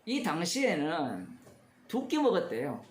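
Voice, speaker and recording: Lively Korean pastor preaching in an echoey room. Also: male voice, on the high side, a little slow, slight background noise. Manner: conversational, asks the congregation questions, chuckles. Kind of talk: expository sermon. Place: church.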